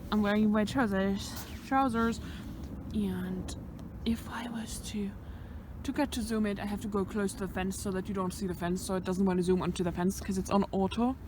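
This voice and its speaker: A woman's voice: mid-range voice, noisy background. A young woman vlogging on a hike, chatting and rambling to herself, a little out of breath, on a country road. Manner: chatty, rambling, talks to herself, swears lightly. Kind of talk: rambling vlog chat on a walk. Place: outdoors on a country road beside a fenced field. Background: passing cars.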